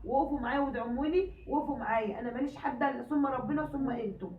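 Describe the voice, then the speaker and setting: Egyptian woman vlogger, hoarse, rushed and high, pleading with viewers, far from the phone mic, echoey and tinny. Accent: Egyptian Arabic. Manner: emotional, pleading, rambling. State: hoarse from a cold. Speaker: cooking vlogger. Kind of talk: casual chat to viewers. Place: home.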